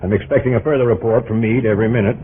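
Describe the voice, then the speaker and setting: An actor playing a brisk, plain-spoken army general, businesslike and commanding, in old radio drama style. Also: male voice, lowish voice, fairly even intonation, natural voice. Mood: sober reporting. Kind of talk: 1940s radio acting. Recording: old noisy radio, phone-like band.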